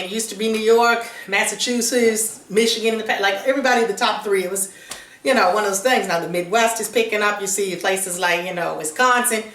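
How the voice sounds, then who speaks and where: A woman's voice: mid-range voice, fairly bright tone. Chatty upbeat woman in a roomy space. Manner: chatty and upbeat, lots of fillers. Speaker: vlog host. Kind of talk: casual chat. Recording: roomy echo, mic at a distance.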